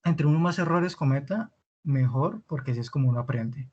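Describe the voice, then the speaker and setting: Patient teacher, mellow voice. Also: male voice, a little high, muffled recording. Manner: patient, repeats words slowly for students. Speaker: Spanish teacher. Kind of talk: online language lesson.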